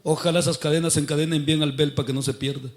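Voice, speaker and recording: A man's voice: a little high, level tone, very fast. A man preaching a sermon, quizzing his congregation and building to fervent outbursts.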